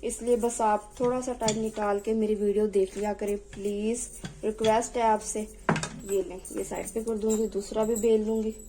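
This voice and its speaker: A woman's voice: mid-range voice, little pitch movement, moderate pace, music in the background, rough recording. Chatty woman hosting a home cooking video. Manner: chatty, pleading for subscribers; talks while cooking, voice drops off-mic at times. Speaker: cooking channel host. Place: home kitchen.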